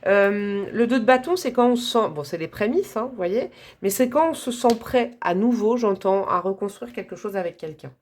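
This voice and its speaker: A woman giving a live tarot reading to her viewers, chatty and gentle, with frequent asides and little laughs. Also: mid-range voice, normal speed. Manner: softly calm, gentle delivery. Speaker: tarot reader.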